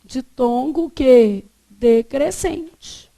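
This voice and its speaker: A woman teaches a grammar lesson. Her voice sits high and she talks at an unhurried pace. She keeps putting questions to the class and then answering them herself. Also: dark tone.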